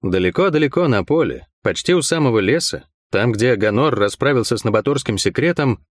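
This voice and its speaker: Expressive male audiobook narrator. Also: medium pitch, no echo, studio quality. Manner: expressive, measured storytelling. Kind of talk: scripted narration.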